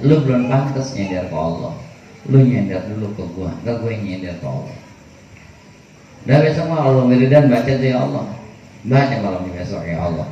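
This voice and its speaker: A man's voice: mid-range voice, muffled recording. A man teaching a religious study, telling stories in casual slang-filled talk. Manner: casual storytelling with Betawi slang. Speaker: kiai teaching a kitab study. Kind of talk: sermon. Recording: echoey room from far off, faint noise.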